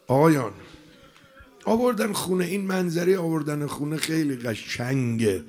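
A man's voice: a little high, animated. Emotional man preaching a mourning sermon. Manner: emotional, swings from loud to hushed.

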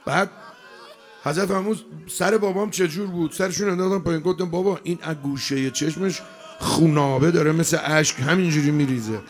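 A man with a fairly high voice preaches a mourning sermon. He is emotional, rising to loud cries and then dropping to a hush. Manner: emotional, swings from loud to hushed.

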